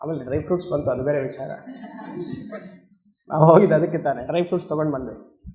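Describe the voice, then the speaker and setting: In a discourse hall, a swami gives a spiritual talk on Vedanta, speaking conversationally, posing questions to the listeners and slowly chanting Sanskrit verses. His voice is a little high and mellow, and the room is echoey.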